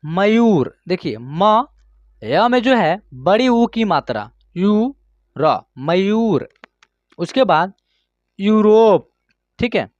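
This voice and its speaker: A man with a high voice leads a slow online reading lesson, stretching each word out syllable by syllable and pausing to check his students follow. The sound is dry and a little dull, with no room echo. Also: big pitch swings. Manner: slow, drawn-out word-by-word pronunciation with frequent check-ins. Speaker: Hindi reading teacher.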